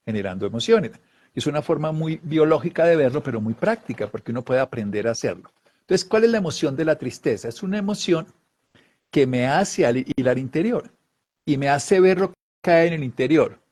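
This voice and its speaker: In a talk about emotions, a male wellness speaker illustrates his points by performing little voiced examples, occasionally laughing. His voice sits in the middle range and has a slightly mellow quality.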